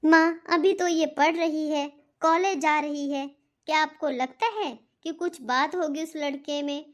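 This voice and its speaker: A woman's voice: high voice, steady tone, measured pace. A woman voicing a strict, stubborn middle-aged father in a cartoon. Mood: insistent. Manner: stern, stubborn, lecturing. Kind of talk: cartoon voice acting.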